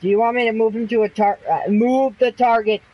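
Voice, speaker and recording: A gamer streaming co-op play talks casually over his headset in a shooter, ranting and cursing at his teammates out of frustration. He speaks briskly in a very high-pitched, steady-toned voice, captured without echo but muffled.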